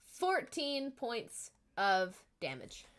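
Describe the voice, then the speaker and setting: A woman playing a tabletop game on a live stream, excitable, laughing and swearing at her dice rolls. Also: a little high, extremely slow, slight background noise. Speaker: player.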